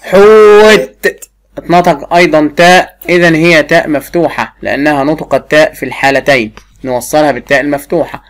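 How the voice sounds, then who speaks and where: A woman teacher with an Egyptian Arabic accent, giving a first-grade lesson and drilling a pupil with repeated questions while drawing words out slowly. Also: deep voice, fairly even intonation. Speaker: primary school teacher.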